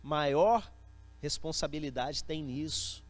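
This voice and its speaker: A man voicing Jesus as a calm, solemn figure who speaks slowly and quietly in a sermon retelling. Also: a little high, big-room sound, pitched below the performer's own voice. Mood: grave. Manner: slow, quiet and measured. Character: calm, solemn male Jesus answering a governor.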